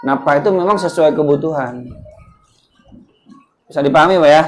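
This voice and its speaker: A man's voice: fairly high pitch, moderate pace, a little hiss or hum. A man giving a casual religious lesson at a home gathering, talking in a conversational way and quizzing his listeners with questions. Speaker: ustaz teaching a religious study group.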